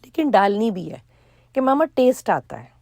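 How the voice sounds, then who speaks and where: A middle-aged woman, chatting casually in a cooking vlog, hoarse for now and full of chatty asides. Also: mid-range voice, very animated, a little mellow, dry recording, clean studio sound. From Pakistan. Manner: chatty, storytelling with asides and quoted dialogue. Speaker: vlogger.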